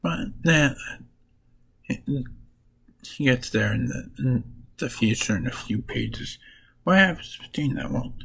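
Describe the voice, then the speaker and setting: A man walks through comic plots at an unhurried, deliberate pace, his voice gravelly with fry and a husky edge. He talks casually and haltingly, retelling the story bit by bit. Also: mid-range voice, rough recording. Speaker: comic book reviewer.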